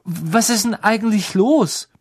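A man's voice: high voice, a little slow, breathy edge, pitched above the performer's own voice, full character voice. A man voicing a stammering, panicky teenage boy in an audiobook, stuttering and breathless. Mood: flustered.

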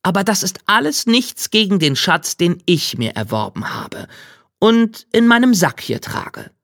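A man's voice: sits high, very animated, a little slow, creaky, dry recording, studio quality, pitched above the performer's own voice, exaggerated voice. A man voicing a proud, bold young male turner journeyman in a fairy tale. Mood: eager. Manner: bright, eager and boastful.

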